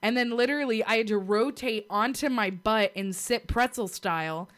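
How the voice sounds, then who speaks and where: A young woman in casual chat, telling a story in an animated way, swearing freely and laughing as she goes. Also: on the high side, normal speed.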